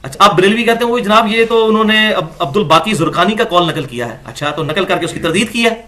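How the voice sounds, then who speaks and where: A man giving an argumentative religious lecture, reading quotations from books and reciting verses slowly. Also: high-pitched, animated, sharp tone. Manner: argumentative, reads quotes aloud and recites scripture slowly. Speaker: religious scholar.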